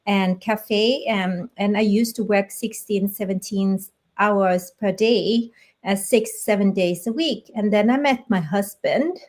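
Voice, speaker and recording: A middle-aged Vietnamese woman, a business coach and part-time teacher, casually shares her personal story as a guest on a live video call. She speaks slowly in a mid-range, slightly mellow voice.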